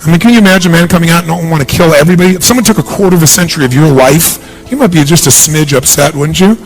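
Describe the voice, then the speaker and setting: A middle-aged man giving a punchy, energetic seminar speech to a large audience in a big hall, asking the crowd questions. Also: fairly high pitch, very fast, faint music behind. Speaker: motivational speaker.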